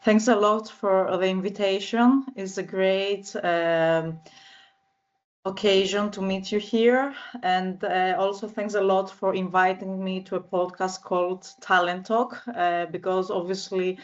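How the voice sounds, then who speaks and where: Slow, flat-voiced Greek woman. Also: medium pitch. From northern Greece. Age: 30s. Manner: measured and halting, frequent filler sounds. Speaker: guest. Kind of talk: interview answers. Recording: slightly muffled audio.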